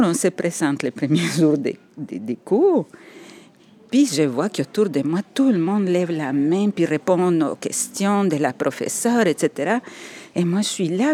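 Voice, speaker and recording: A woman whose first language is Spanish recalls her past as a guest on a podcast, telling personal stories. Her fairly low voice is warm and slightly rough, and she sounds reflective, hesitating and laughing along the way.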